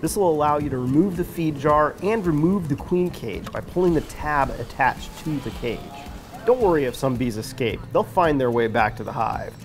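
Midwestern guy, middle-aged, walking you through bee stuff step by step, plain practical voice, soft music under it. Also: a little high, animated, normal speed. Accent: Midwestern American. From United States. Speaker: beekeeping instructor. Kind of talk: scripted instructional narration.

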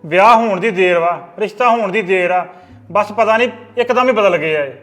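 An actor playing an earnest elder brother giving stern advice in a family drama. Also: male voice, high-pitched, normal speed, fairly bright tone. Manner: earnest, lecturing.

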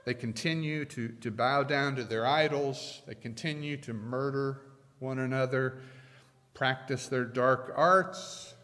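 A middle-aged man preaching a sermon from a pulpit, measured and emphatic, leaning hard on key phrases. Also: medium pitch, fairly even intonation, fairly bright tone. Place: church sanctuary at a pulpit. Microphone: pulpit microphones. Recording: long church reverb.

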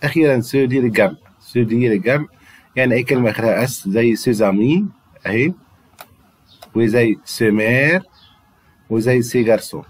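A man's voice: mid-range voice, quick pace, a little mellow, slightly rough. A man with an Egyptian Arabic accent, teaching a French grammar lesson to students and patiently repeating words for them to drill. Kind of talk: classroom-style grammar lesson.

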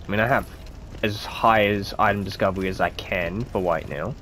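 A man's voice: lowish voice, steady tone, moderate pace, fairly bright tone, slight background noise. A man with a stuffy nose giving casual let's-play commentary, muttering to himself as he plays. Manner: chatty, muttering to himself while playing. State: stuffy-nosed. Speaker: gameplay commentator.

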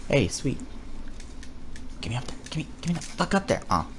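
A man's voice: mid-range voice, big pitch swings, a little fast, a bit bright, a little hiss or hum. A man playing a horror game with a friend, swearing a lot and yelping when startled. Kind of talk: casual let's-play commentary.

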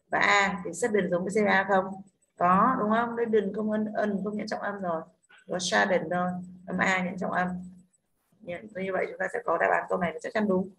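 A woman teacher with a Northern Vietnamese accent takes an online class through pronunciation rules one step at a time, pausing often to ask whether everyone follows. Her voice sits at a medium pitch, and a faint background hiss runs under the recording. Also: vocal fry, fairly bright tone. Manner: explains step by step, keeps checking with "đúng không?". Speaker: English teacher.

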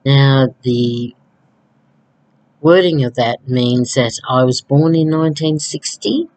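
Unhurried woman, early sixties, chatty home vlogger, rambling delivery. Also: a bass voice, a little mellow, low-quality recording. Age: 60s. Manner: rambling, conversational, frequent ums. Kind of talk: casual chat to camera. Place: small home room indoors. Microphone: laptop webcam.

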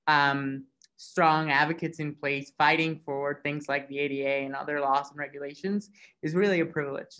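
This Mexican man in his thirties has a slightly high, fairly bright voice. He hosts an online event over a video call from an indoor office room, sounding upbeat and using lots of fillers, picked up by a webcam microphone.

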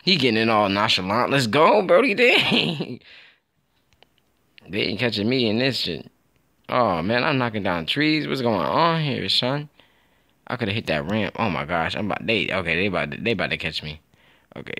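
A young man giving casual, excitable gameplay commentary, trash-talking and laughing as he plays. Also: fairly low pitch, fairly quick. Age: young adult. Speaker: gaming YouTuber.

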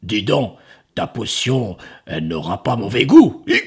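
A man growling as a greedy gravelly ogre. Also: lowish voice, big pitch swings, a little mellow, full character voice. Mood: grumbling. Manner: slow, grumbling, suspicious. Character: big greedy hiccuping male ogre. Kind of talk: children's storybook reading.

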